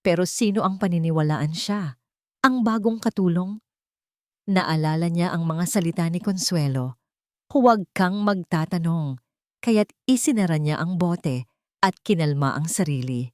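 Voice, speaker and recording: A woman storyteller narrates a scripted dramatic story in a lowish, somewhat mellow voice at normal speed. The recording is dry, with clean studio sound.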